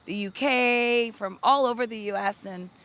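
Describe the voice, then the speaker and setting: A woman co-hosting a TV segment on location, chatting in a lively way. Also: a little high, normal speed. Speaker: TV co-host. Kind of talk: casual on-location chat.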